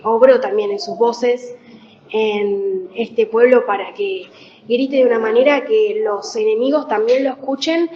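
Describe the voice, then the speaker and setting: A woman preaching a Bible reflection in a conversational way, pausing often with fillers. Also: on the high side, dull audio. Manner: conversational, with many fillers and pauses. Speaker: church speaker.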